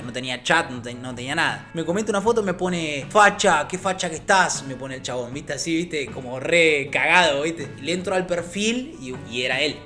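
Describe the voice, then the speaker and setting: A man in his thirties with an Argentine Rioplatense accent, telling a story in a crude, animated, swaggering way with sound effects. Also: fairly high pitch. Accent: Argentine Rioplatense Spanish. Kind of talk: casual storytelling vlog.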